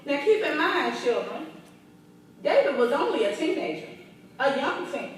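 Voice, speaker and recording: A young adult woman pastor preaching a sermon in an animated, playful way, laughing between lines, in a large church from a distance. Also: high-pitched, moderate pace, heavy reverb, slight background noise.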